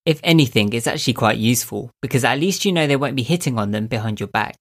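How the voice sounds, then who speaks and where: A man with a nasal, slightly squeaky voice hosting a podcast. He gives a calm, reflective self-help monologue and speaks straight to the listener. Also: fast talker. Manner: calm, thoughtful, addresses listener directly. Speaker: podcast host.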